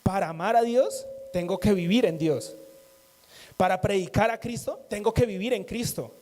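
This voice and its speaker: A man delivers a sermon to a congregation at a normal speed, his voice high-pitched but mellow and soft around the edges. His style is conversational, with key phrases repeated and light jokes sprinkled in.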